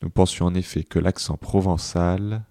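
Man, very low voice, dark tone, slow careful dictation reading, punctuation spoken aloud. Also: fairly even intonation, creaky, no room sound, clean studio sound. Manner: slow, deliberate, repeats phrases and speaks the punctuation. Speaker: dictation reader.

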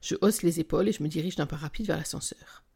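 A woman narrates a romance novel in the first person, with a wry, intimate delivery. Her voice is low and mellow, with a gravelly fry in it. At moments she lets it sink into a whisper. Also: quick pace. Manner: intimate, wry storytelling, sometimes dropping to a whisper. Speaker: audiobook narrator.

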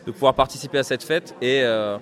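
Relaxed, hesitant accordionist man. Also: medium pitch. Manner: relaxed and chatty, hesitant with many pauses. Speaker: accordionist and bandleader. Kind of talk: casual interview answers.

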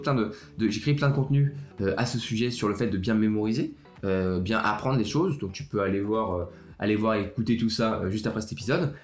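Speaking at a medium pitch, this young adult host of a laid-back student podcast addresses listeners directly in a chatty, solo format. He frequently stumbles and restarts his sentences, and the room sounds echoey with faint background music.

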